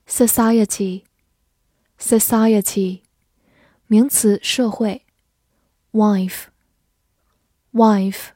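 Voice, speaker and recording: A female English teacher reading vocabulary words slowly and deliberately, repeating each word before its part of speech and meaning. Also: medium pitch, mellow, no echo, clean studio sound. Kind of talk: vocabulary drill.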